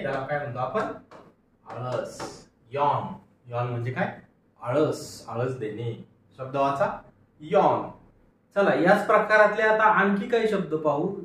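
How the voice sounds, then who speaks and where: A man with a fairly high, slightly bright voice leads an English phonics lesson with call-and-repeat drills, sounding out words, repeating them, and answering his own questions. A far mic catches him from some distance in a strongly echoing room, with slight background noise.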